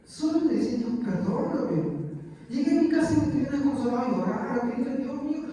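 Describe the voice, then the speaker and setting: Emotional pastor preaching in an echoey hall. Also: male voice, very high-pitched, lively intonation, brisk, far from the mic, slight background noise. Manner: emotional, pleading, rises and drops in loudness. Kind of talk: sermon.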